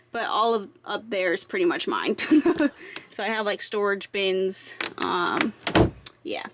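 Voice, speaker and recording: A woman's voice: fairly high pitch, fairly bright tone. A woman giving a casual, giggly, self-deprecating vlog tour from inside a small RV trailer, talking informally. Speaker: vlogger.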